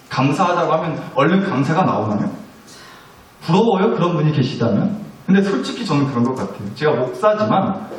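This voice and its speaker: A male pastor preaching a sermon in a chatty, confessional way, joking with his congregation. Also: on the high side. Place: church sanctuary. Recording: echoey church hall, mic at a distance.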